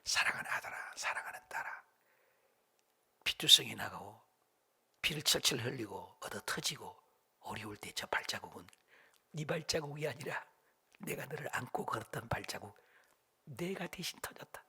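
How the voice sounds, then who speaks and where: Man voicing the tender Lord in a sermon, hushed, soft, gravelly, husky. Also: mid-range voice, animated, moderate pace, long pauses, whispered, pitched below the performer's own voice, full character voice. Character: gentle loving Lord comforting a suffering child.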